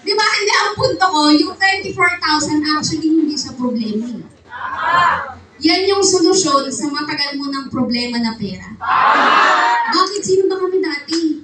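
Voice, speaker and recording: Brief: woman, seminar speaker, animated call-and-response delivery, high voice, distant and echoey room. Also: normal speed, a crowd in the background. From Philippines. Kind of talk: motivational seminar talk. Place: event hall before an audience. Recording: echoey hall, distant mic, loud noise.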